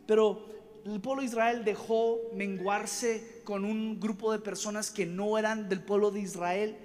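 High-voiced, animated preacher in a reverberant hall. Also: male voice, unhurried. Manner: animated, rambling, jumps between stories; jokes and acts out voices. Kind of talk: storytelling sermon. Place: conference hall stage. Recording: reverberant hall, faint ambience.

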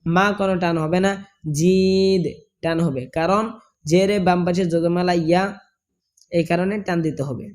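A high-pitched man with a Bangladeshi Bengali accent, slightly mellow and fairly even in intonation, explains each sound of a phrase for correct recitation. He then chants it slowly, drawing it out.

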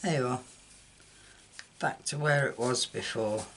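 With an extremely low pitch and a measured pace, an older woman walks through making a card at her indoor craft table, keeping it casual and self-deprecating. The overhead desk camera shows just her hands, and there's slight background noise.

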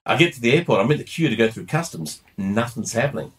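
Animated man telling a story. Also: mid-range voice, fast talker, slight background noise. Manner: animated, laughing, full of restarts. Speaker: podcast co-host. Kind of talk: casual anecdote-telling.

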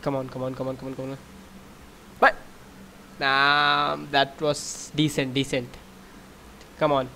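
A young man with a North Indian accent, a native Hindi speaker, doing casual gameplay commentary in a mock-boastful, excitable way, often repeating himself. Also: medium pitch, a little slow, long pauses, slight background noise. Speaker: gaming YouTuber.

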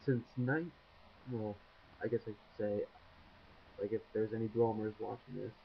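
A shy vlogger in his twenties rambles to a webcam with lots of ums in a small, dim indoor room with a window behind him. His lowish voice has vocal fry, fairly even intonation, and a moderate pace. The built-in webcam mic gives dull, lo-fi audio with slight background noise.

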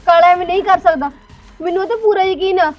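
Woman in amateur drama: very high voice, quick delivery, pleading and accusing, faint music behind. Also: steady tone, dull audio. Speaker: actress in a short Punjabi drama. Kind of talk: amateur short-film acting.

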